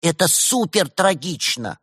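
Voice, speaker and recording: A man's voice: on the high side, sing-song, a little slow, fairly bright tone, slightly rough, no room sound, clean studio sound, voice pushed up, full character voice. A man voicing a self-important, earnest young playwright.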